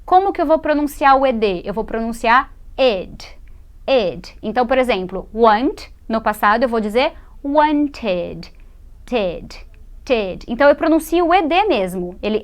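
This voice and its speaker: A woman from Brazil who teaches English on television. Her voice sits a little high, and she explains patiently, repeating words and modelling the sounds slowly for her viewers. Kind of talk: TV English lesson.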